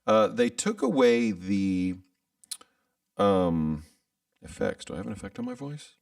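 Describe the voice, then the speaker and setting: Speaking slightly slowly but very animatedly, a livestreaming content creator in his thirties rambles casually from home, full of hesitations and restarts. He has a deep, creaky voice; the recording is dry and the mic sounds far away, even though it's a studio microphone paired with headphones.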